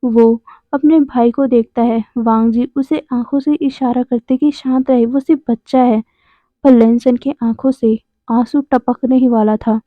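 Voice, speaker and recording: A woman's voice: fairly high pitch, fairly even intonation, a little slow, no echo, highs cut off. A woman narrating a fan fiction story, reading out the characters' lines in a slightly lifted voice, recorded on a phone. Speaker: fanfiction narrator. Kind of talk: storytelling narration with acted dialogue.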